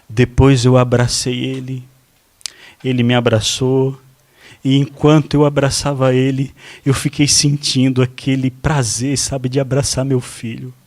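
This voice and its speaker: A man's voice: medium pitch, a little mellow. A Brazilian man preaching a storytelling sermon in church, chatting directly with the congregation. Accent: Brazilian Portuguese. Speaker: pastor.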